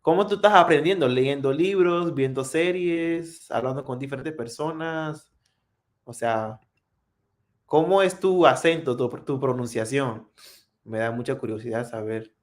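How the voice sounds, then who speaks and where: A man whose first language is English, hosting a casual live practice stream and answering viewers in English and Spanish. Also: mid-range voice. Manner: unhurried, friendly, answers viewer comments.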